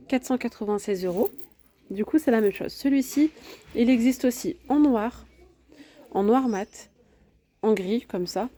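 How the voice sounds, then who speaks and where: Casual woman vlogger, mellow tone, chatty store walkthrough on a phone. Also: medium pitch. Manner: chatty, lists prices and sizes, frequent fillers. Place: large home improvement store, indoors.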